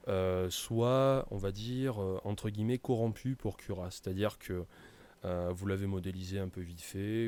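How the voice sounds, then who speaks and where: Man, low and warm, talks through a screen tutorial loosely. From France. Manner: casual, many hesitations and fillers. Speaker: tutorial presenter. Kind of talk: screen-recorded software tutorial.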